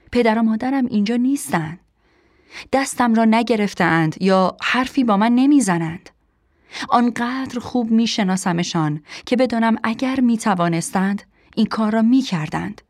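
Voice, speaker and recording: A woman narrating a first-person audiobook in a quiet, measured, reflective way. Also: medium pitch, dry recording, studio quality.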